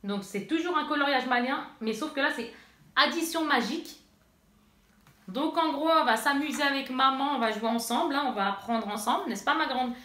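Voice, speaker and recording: A woman with a bright, forceful, rather high voice talks through an unboxing vlog as a mother. She rambles and chats straight to her viewers. The sound is roomy and echoey, as if recorded in a bedroom. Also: normal speed. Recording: echoey room.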